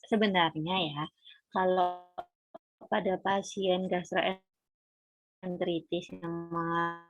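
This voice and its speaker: A woman's voice: lowish voice, level tone, slow pace, over music. A young woman speaking hesitantly in an online group discussion, her call audio choppy and cutting in and out. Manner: hesitant, searching for words. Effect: choppy online call audio that cuts in and out. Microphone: online video call.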